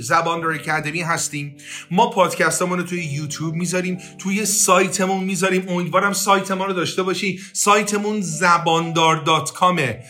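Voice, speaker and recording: Brief: male podcast teacher, high bright voice, drills, faint guitar under. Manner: coaching, repeats drill phrases. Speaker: English teacher. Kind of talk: podcast language lesson.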